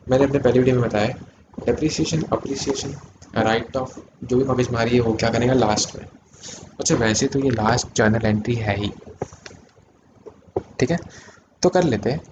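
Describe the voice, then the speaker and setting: A man teaching an accounting lesson in mixed Hindi and English, asking his students questions and answering them himself, with sudden loud emphatic bursts. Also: mid-range voice, noisy background. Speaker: commerce teacher. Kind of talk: classroom-style video lesson.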